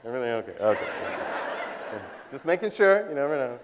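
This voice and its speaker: Against a noisy background, a comedian and cultural commentator in his fifties performs a stand-up style talk on a large theater stage for a live audience. Very animated and a little fast, his medium-pitched voice stays wry and conversational as he teases listeners and laughs at his own jokes.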